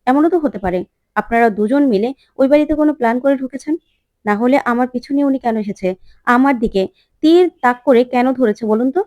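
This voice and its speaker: A woman's voice: a little high, fast, mellow, dry recording, natural voice. Woman voicing a defiant young gunwoman. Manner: defiant, guarded.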